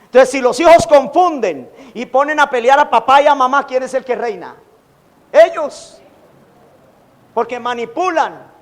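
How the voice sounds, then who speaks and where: A man preaching a sermon as pastor, animated, acting out quoted taunts. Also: very high voice, measured pace. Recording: long hall reverb.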